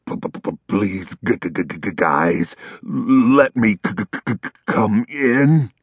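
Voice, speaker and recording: A man's voice: mid-range voice, big pitch swings, takes it slowly, slightly rough, dry recording, studio quality, voice pushed up, heavily acted. Man doing a pleading wolf, Wilfong. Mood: shivering. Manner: stuttering, pleading. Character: friendly shivering male wolf who begs to stay.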